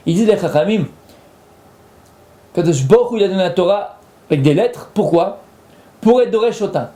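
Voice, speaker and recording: High-voiced rabbi in an echoey room. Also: male voice, dark tone. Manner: explains patiently, repeats and rephrases points, slips in Hebrew terms. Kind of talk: Torah lesson.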